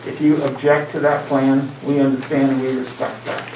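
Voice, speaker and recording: American male chair, mid-pitched, talking deliberately through a face mask to a public meeting, miked from a distance. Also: little pitch movement. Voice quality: slightly muffled by a face mask. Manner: deliberate, speaking up to be heard. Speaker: planning commission chairman. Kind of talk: formal meeting opening remarks. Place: indoor public meeting room. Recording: distant mic, echoey room, clear noise.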